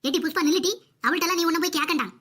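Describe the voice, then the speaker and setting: A woman's voice: very high voice, rapid-fire, pushed and bright. A woman voicing a stingy older neighbour who worries about money, in a cartoon comedy. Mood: scheming.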